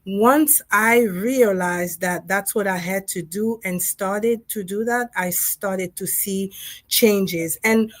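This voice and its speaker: A Congolese woman from the Democratic Republic of Congo, whose first language is French, speaks slowly in a mid-range voice with no room sound. A dentist and co-author, she reflects on her experience in a casual livestream, telling stories with lots of fillers and laughter.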